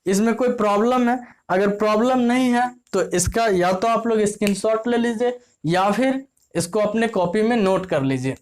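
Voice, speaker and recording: A woman's voice: medium pitch, normal speed, few pauses, a little mellow. A woman teacher explaining a lesson, often asking and answering her own questions. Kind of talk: casual classroom explanation.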